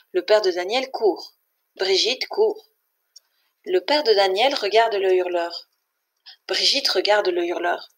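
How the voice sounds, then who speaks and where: A woman reads a children's story aloud for learners. Her delivery is clear and measured. Her voice sits at an ordinary middle pitch. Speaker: reader.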